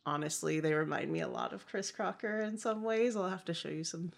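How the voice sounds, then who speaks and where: A woman's voice: on the low side, fairly quick, vocal fry. A woman in her thirties co-hosting a podcast in a chatty, casual way, with plenty of fillers and laughs. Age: 30s. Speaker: podcast co-host. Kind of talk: casual chat.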